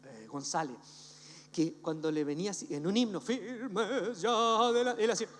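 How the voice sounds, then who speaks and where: A man's voice: a little high, quick pace. A man preaching a humorous sermon as pastor, telling stories with jokes and acting out the voices of the people in them. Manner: animated storytelling, jokes, acts out voices. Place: church hall. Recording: church hall reverb, faint hum.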